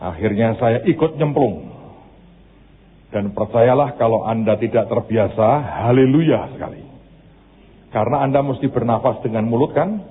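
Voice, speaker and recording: A man's voice: medium pitch, moderate pace, husky, phone-quality sound. A man preaching a sermon as pastor, moving between preaching and a casual, storytelling anecdote.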